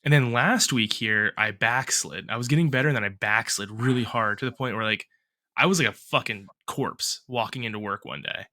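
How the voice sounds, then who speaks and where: A man co-hosting a casual podcast, rambling and swearing through animated rants, still a bit congested from a cough. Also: mid-range voice, a little fast. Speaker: podcast co-host.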